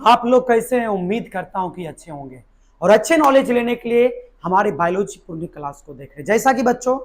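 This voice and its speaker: Hoarse, high-voiced male teacher, keeps quizzing the class and answering himself. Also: animated, brisk. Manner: asks the class questions and answers them himself, repeats key words. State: hoarse from a sore throat. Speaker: biology teacher. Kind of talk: live online exam-prep lesson.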